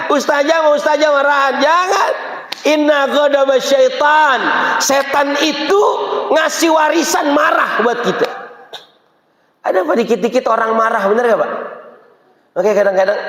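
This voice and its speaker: A man preaching, joking and asking the crowd questions as he goes. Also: extremely high pitch. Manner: lively and joking, asks the crowd "bener gak, Pak?". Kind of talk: mosque sermon. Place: mosque. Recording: echoey mosque hall.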